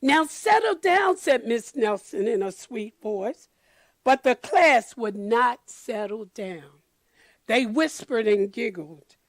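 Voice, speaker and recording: A woman reading a picture book aloud to children, deliberate and expressive, pausing to comment to her listeners. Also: fairly high pitch, no room sound. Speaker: storyteller for children.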